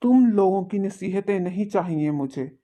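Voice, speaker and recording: A woman's voice: medium pitch, animated, moderate pace, mellow, lightly acted. A woman voicing a proud, short-tempered male crow father in a cartoon, speaking in an arrogant, dismissive manner. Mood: scornful. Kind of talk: cartoon voice acting. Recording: slightly dull, lo-fi recording.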